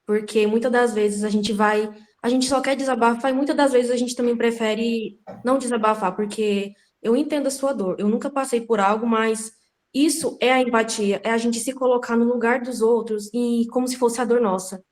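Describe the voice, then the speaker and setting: A woman student joins a class discussion. Her voice sits a little high, and she speaks in a thoughtful, measured way. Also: fairly even intonation, a little mellow. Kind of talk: class participation.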